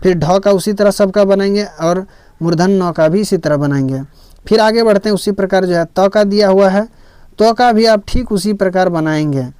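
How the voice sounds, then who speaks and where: A man's voice: high-pitched, moderate pace, darkish tone, clean tone, no room sound. A man teaching a Sanskrit lesson, explaining each step patiently and repeating himself often.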